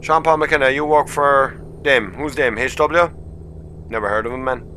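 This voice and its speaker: A man's voice: mid-range voice, moderate pace. A man with a west of Ireland Kerry accent, chatting casually and informally as he streams a game. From County Kerry, Ireland. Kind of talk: casual livestream chat. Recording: noisy mic with loud vehicle hum.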